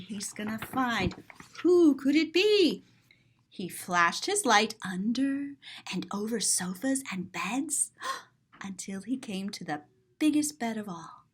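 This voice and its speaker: Here a high-pitched, fairly bright female voice tells a story to children, full of expression, dramatic gasps and simple asides that explain things. The speaker is a storyteller, author and teacher.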